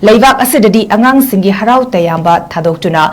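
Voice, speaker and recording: A woman reads scripted news at a very rapid pace. Her pitch sits in the middle range for a female voice, in a news narration style. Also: expressive. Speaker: news reader.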